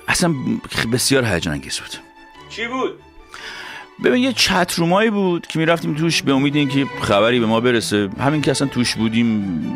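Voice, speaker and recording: A male host telling stories in a playful, animated casual chat. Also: mid-range voice.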